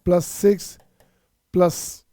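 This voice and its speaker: Coaxing Indian math teacher, warm voice. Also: male voice, extremely slow, dry recording, studio quality. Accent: Indian English. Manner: coaxing, repetitive, addresses students as children. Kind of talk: online exam-prep lecture.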